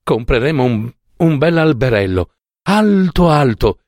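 A man voicing an exuberant, teasing young woman in a literary audiobook, in a high, excitable voice with quick swings of pitch. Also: no room sound, studio quality. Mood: excited. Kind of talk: audiobook reading of a literary short story.

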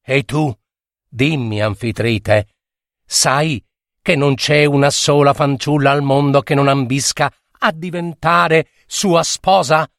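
A man voicing a sly, theatrical male dolphin with a high, exaggerated, sighing voice in a storybook reading. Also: takes it slowly, creaky, a bit bright, no echo, studio quality, heavily acted. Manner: pleading, overacted, like a comedian.

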